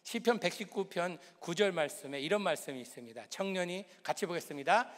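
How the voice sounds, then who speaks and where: Male pastor with a slightly high voice, preaching in a chatty, humorous style, long church-hall echo. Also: lively intonation, fairly quick. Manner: conversational preaching with rhetorical questions and humor. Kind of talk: sermon.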